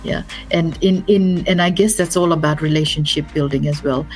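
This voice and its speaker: A middle-aged Fijian woman talking as an interview guest, her voice sitting low in pitch. She speaks earnestly and often circles back over her words, with soft music faintly under her. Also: steady tone, moderate pace. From Fiji. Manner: earnest, repeats and restarts words. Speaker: business advisor, guest. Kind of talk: interview conversation.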